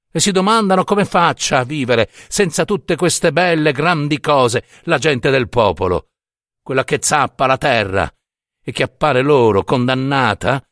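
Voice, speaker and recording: Expressive male audiobook narrator. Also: medium pitch, no room sound, studio quality. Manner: expressive, dramatic reading.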